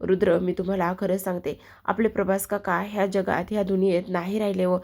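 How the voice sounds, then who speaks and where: A woman's voice: mid-range voice, flat delivery, fairly quick, darkish tone, close to an everyday voice. A woman reading as a frantic grieving young wife. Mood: pleading. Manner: pleading, repeating herself.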